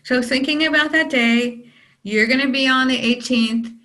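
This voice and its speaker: Guiding a client in EFT tapping, a woman practitioner gives calm phrases for the client to say back to her. She has a high-sitting voice and keeps a moderate pace.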